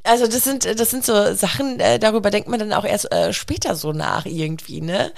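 Chatty mother with a creaky voice. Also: medium pitch, a little fast. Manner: chatty, animated when quoting her son. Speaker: mother of young children. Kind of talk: casual podcast conversation.

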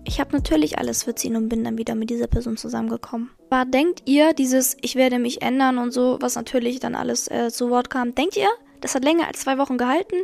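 A woman's voice: a little high, quick pace, vocal fry, hardly any pauses, darkish tone, soft background music. A young woman hosting a podcast, candidly telling a personal story and giving blunt advice straight to her listeners. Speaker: podcast host.

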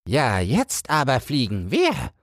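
A man's voice: mid-range voice, huge pitch swings, slow, no room sound, studio quality, voice pushed up, heavily acted. A man voicing a pompous, easily offended little male dung beetle in a storybook reading. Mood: scornful.

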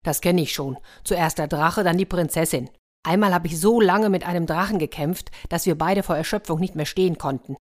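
Woman doing a weary prince, grumbling, muttering, low-key storybook voice. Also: a little fast, darkish tone, lightly acted. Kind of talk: children's story reading.

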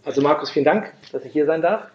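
A man hosts a casual interview podcast from a workshop. His voice sits a little high, and he keeps stopping to reach for words with fillers and restarts. The room is echoey and the recording sounds dull and lo-fi. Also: fast talker. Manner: hesitant, many fillers and restarts. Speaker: podcast host. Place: workshop in a city. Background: production noise.

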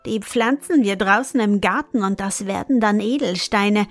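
A woman's voice: mid-range voice, normal speed, no echo, faint music behind, close to an everyday voice. A woman reading an evil old wizard. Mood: coaxing. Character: evil old male wizard who lures children.

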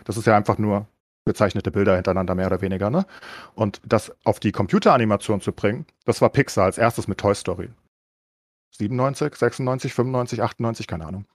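A man's voice: lowish voice, quick pace, dry recording, studio quality. A man co-hosting a casual podcast, explaining things at length as if giving a lecture, with frequent filler words. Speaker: podcast co-host. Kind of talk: casual chat.

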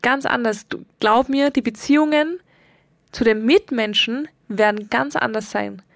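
Young woman podcasting, earnest and reflective, bit of vocal fry, dry close mic. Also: on the high side, unhurried, no echo. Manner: earnest, reflective, stretches words for emphasis. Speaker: podcast host. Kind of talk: personal podcast monologue.

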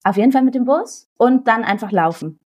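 A woman's voice: on the high side, animated, a little fast, a little mellow. Enthusiastic young woman giving travel tips. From Germany. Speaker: guest. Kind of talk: casual podcast chat.

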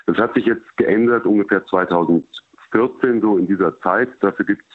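A male journalist explaining things over a low-quality telephone line, in a measured way with many hesitation sounds. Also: no echo. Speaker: journalist colleague reporting by phone. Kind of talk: explanatory phone interview answers. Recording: tinny, dry phone line.

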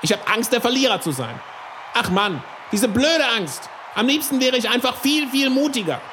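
A performer voicing a small, eager mouse rapper in a children's audio drama, telling the story excitedly and sounding anxious. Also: mid-range voice, moderate pace, slight background noise. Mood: fearful.

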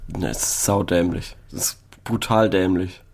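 A man's voice: low-pitched, fairly even intonation, moderate pace, creaky, darkish tone, husky. A man co-hosting a casual podcast, giving blunt, crude verdicts in short bursts. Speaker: podcast co-host. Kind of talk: casual chat.

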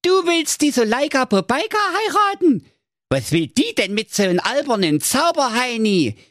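A man's voice: sing-song, moderate pace, fairly bright tone, no echo, studio quality, exaggerated voice. A man voicing a cheeky, whiny young Aladdin, brash and cursing. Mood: defiant. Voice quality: squeaky, shrill put-on voice.

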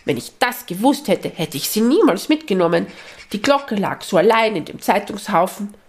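A woman's voice: medium pitch, sing-song, normal speed, voice pushed up. Woman doing a nonstop chattering magpie. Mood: remorseful. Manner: rambling, apologetic, breathless chatter.

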